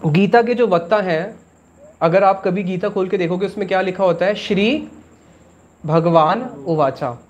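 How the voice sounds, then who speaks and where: A man leads a religious class in a high, light voice. He explains patiently, poses questions to the room and answers them himself, slipping English words into casual Hindi. The recording sounds muffled and lo-fi. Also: normal speed. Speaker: Gita class teacher.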